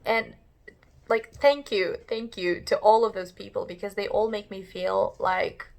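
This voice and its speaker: Twenty-something kazakh woman vlogging in english, gravelly edge, talks fast with lots of likes and ums. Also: medium pitch, steady tone. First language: not English. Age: 20s. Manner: talkative, fast, many fillers and restarts. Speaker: YouTuber, English learner. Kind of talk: casual talk to camera.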